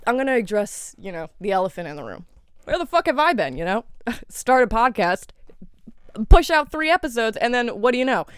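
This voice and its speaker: In her own podcast, a young woman delivers a casual solo monologue while stuffed up from a cold, rambling and candid, with lots of cursing and filler words. Her mid-range voice is clear and resonant, captured at studio quality with no room sound.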